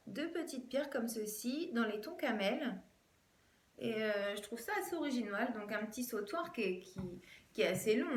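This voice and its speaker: Woman, fairly high voice, casual haul chat, lots of fillers, echoey room. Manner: chatty, hesitant with many fillers. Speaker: fashion vlogger.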